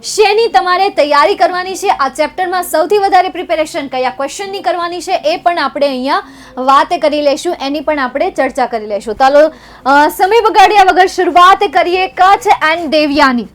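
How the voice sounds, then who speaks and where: Woman, Gujarati accent, young adult, high voice, teasing, chatty online tutor. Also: moderate pace. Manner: playful, teasing, chatty with students. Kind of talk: chatty live exam revision lesson.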